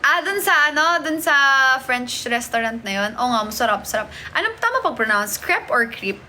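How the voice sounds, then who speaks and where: A woman's voice: high-pitched, lively intonation, moderate pace, sharp tone, a little hiss or hum. A woman hosting a casual live stream from a hotel, chatting and greeting viewers as she reads their comments. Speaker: livestream host. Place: hotel room.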